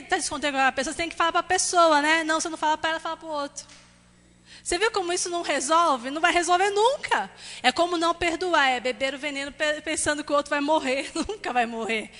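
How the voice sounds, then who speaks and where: A Brazilian woman pastor delivers a lively, conversational sermon, slipping into quick acted asides. Her voice sits high and sounds bright and clear. The recording carries the long reverb of a church hall. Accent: Brazilian Portuguese.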